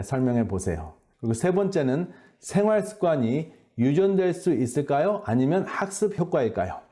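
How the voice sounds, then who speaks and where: A man giving an earnest, measured faith-based health lecture, often pausing on hesitation sounds. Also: mid-range voice, mellow. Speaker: lecturer at a health boot camp.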